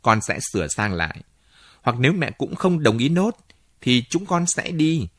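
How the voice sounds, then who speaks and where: Male reader as a young lover in a storybook, earnest, firm, lively lilt. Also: mid-range voice, normal speed, dry recording, studio quality, voice pushed up. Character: cheerful, determined young man in love.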